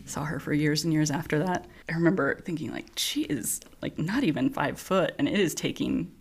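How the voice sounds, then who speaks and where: A woman in her thirties with a fairly low voice tells a story in a relaxed chat. She laughs often and acts out the people she talks about. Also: brisk, gravelly, breathy edge. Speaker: podcast guest, nurse.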